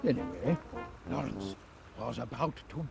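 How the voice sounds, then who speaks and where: An actor playing a pompous old English army major in a video game, telling tales theatrically and given to yelled exclamations. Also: male voice, mid-range voice, animated, a little slow, creaky, music in the background. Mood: blustery, theatrical. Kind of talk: video game character acting.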